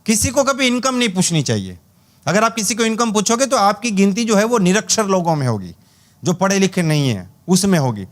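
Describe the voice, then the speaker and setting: A man's voice: high-pitched, expressive, a little fast. A man giving a humorous network marketing training talk, telling stories with acted-out dialogue and chuckles.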